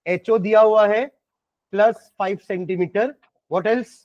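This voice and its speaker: A man's voice: sits high, steady tone, unhurried, dry recording, highs cut off. A man with an Indian accent teaching science, working through problems step by step and quizzing his students. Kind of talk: classroom lecture solving problems.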